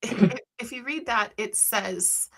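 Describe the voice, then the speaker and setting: A woman hosting a conversational interview, who drops in quick affirming words while her guest talks. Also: fairly high pitch, gravelly. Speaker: podcast host.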